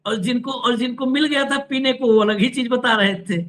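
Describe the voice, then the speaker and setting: A man's voice: very high voice, moderate pace, a bit bright. A man hosting a political talk show, sarcastic, with mocking asides.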